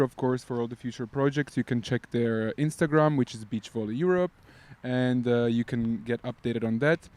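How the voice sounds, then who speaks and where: A man's voice: medium pitch, darkish tone, clear, resonant tone. A man guest on a casual podcast, recorded outdoors by beach volleyball courts, explaining at length with many fillers.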